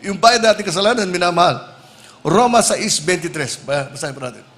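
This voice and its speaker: A man preaching with a high, bright voice sitting well above most men's. He calls his congregation "beloved" again and again and drops English phrases into the sermon. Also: expressive, brisk. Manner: calls the listeners "minamahal ko" (beloved) over and over.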